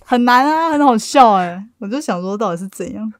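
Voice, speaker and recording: A woman's voice: on the high side, lively intonation, a little fast, dry recording. A young woman, co-hosting a podcast and telling funny stories in casual chat, laughing often. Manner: chatty storyteller, laughs often. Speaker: podcast co-host.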